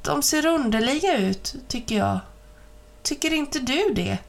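Woman reader voicing a scared young girl, high and hushed, urgent whispers. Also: lively intonation, creaky, heavily acted. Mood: anxious. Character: frightened young girl, anxious and watchful.

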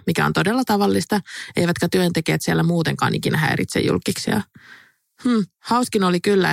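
A woman's voice: fairly low pitch, vocal fry, no room sound, clean studio sound. A woman co-hosting a podcast in casual chat, giggling often and reading listener gossip aloud. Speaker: podcast co-host.

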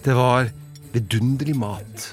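A man giving an expressive, dramatic storybook narration. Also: medium pitch, faint music behind.

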